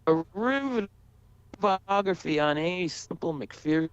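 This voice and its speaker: A man chatting casually on an online call, slow and halting, with his voice glitching and warbling over the connection. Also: high voice, expressive, smooth. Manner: slow and halting, searching for words. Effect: glitchy, warbling call audio. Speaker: participant on an online group call. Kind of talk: casual chat. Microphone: computer mic on a call. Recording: dull, dry call audio.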